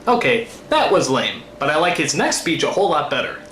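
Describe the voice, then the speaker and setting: With music in the background, a slightly high, very animated male voice moves fairly quickly. He's an American hosting a scripted comedy review, theatrically incredulous and given to exasperated rants, recorded with roomy echo and faint background noise.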